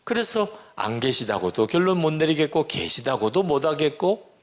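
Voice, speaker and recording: A man's voice: fairly high pitch, very animated, moderate pace. A man in his sixties, a pastor, giving an earnest sermon testimony and acting out the prayers and talk he quotes. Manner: earnest storytelling, acts out quoted prayers and dialogue.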